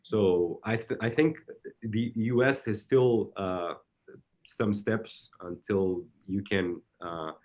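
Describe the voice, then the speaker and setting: A soccer technical director with a Brazilian Portuguese accent answers interview questions haltingly, often repeating words as he searches for the next one. His voice is fairly low and has a darkish tone.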